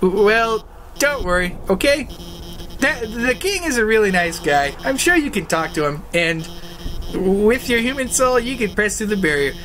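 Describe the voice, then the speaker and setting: A woman's voice: medium pitch, animated, moderate pace, a bit bright, a little hiss or hum, lightly acted, rough recording. A woman voicing a nervous, stammering female lizard scientist who guides and reassures. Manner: stammering, hesitant.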